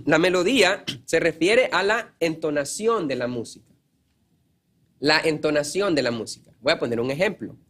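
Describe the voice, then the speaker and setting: A man preaching from the pulpit in an earnest, teaching way. His voice sits a little on the high side, and he repeats key phrases for emphasis. He stops now and then to clear his throat. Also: moderate pace, a bit bright. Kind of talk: sermon.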